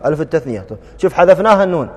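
A man teaching a grammar class, drilling students with quick questions and repeated verb forms. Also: on the high side, very animated, in a large hall, a little hiss or hum.

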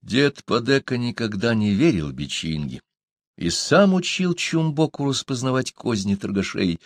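A man narrating a novel in a dramatic, expressive reading. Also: medium pitch, unhurried, no room sound, clean studio sound. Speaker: audiobook narrator. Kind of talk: scripted narration.

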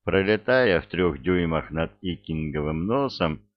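Man, storybook narrator, deep, gravelly, slow, dull muffled recording. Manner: slow, even, unhurried delivery. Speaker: audiobook narrator. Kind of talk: storybook reading with character voices.

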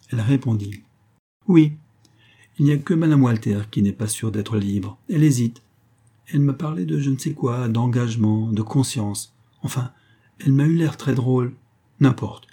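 A man calmly narrating a classic novel as an audiobook, lifting his voice for the characters' lines. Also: breathy edge. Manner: calm, measured reading, voicing dialogue with lifts of pitch. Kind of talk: literary audiobook reading.

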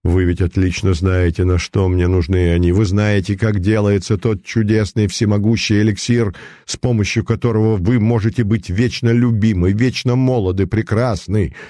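A man's voice: lowish voice, fairly even intonation, moderate pace, warm tone, no room sound, studio quality, natural voice. A man voicing a domineering male occult charlatan who speaks in a commanding, mocking tone in a storybook reading. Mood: soothing. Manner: commanding, mocking, at times thundering.

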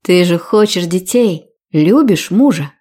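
A woman's voice: on the low side, lively intonation, mellow. Woman doing a stern motherly older mentor. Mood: firm motherly. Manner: scolding, measured, firm.

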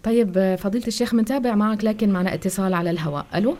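A woman's voice: mid-range voice, very fast, darkish tone. A woman hosting a call-in show, giving short prompts and greeting callers on air. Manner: brief prompts and acknowledgements. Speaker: program host taking calls.

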